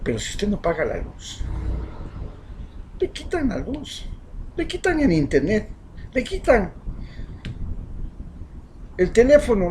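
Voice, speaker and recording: In a high-pitched voice, a man with an Ecuadorian accent gives an impassioned, rhetorical opinion monologue as a social commentator, swinging between loud outbursts and hushed asides. The audio is poor, with a little hiss or hum.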